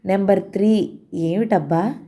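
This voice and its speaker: A woman's voice: mid-range voice, a little slow, mellow, lightly acted. A woman voicing a playful, teasing young man, a student son, in a read-aloud novel. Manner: cheeky, joking.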